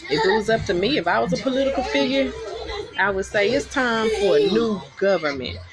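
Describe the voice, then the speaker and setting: A woman's voice: a little high, expressive, a little fast, a loud crowd. A woman from Texas delivering a heated political rant to camera, blunt and profane, repeating lines for emphasis. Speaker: vlogger. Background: music.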